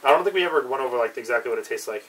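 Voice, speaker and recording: A young man races through an unscripted review in a mid-range, slightly bright voice with lively intonation, yet he stays laid-back and a bit hesitant, trailing off. He's in a small, cluttered room with a brick wall, and the distant mic captures clear background noise.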